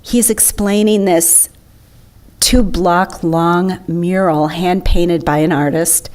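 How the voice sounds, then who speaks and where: A woman's voice: lowish voice, a little mellow. A woman giving an enthusiastic, chatty slideshow talk to an audience. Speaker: presenter.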